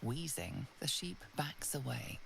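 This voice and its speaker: A woman voicing the hushed, ominous narrator of a fantasy video game, with a low creaky voice. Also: sing-song, slow pace, noisy background, heavily acted. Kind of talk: scripted second-person game narration.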